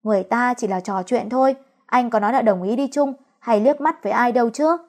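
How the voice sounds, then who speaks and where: A woman's voice: fairly high pitch, fairly quick, darkish tone, lightly acted. A woman reading the part of a young husband who coaxes and teases his wife in a storybook romance. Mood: coaxing. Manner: coaxing, playful. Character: young husband, teasing and coaxing.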